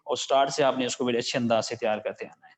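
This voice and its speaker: Pakistani man teaching, slow and patient. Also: mid-range voice, steady tone. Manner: reads English lines slowly, then explains them in Urdu with many fillers. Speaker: English teacher. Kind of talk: line-by-line lesson translating a story into Urdu. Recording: dull lo-fi recording.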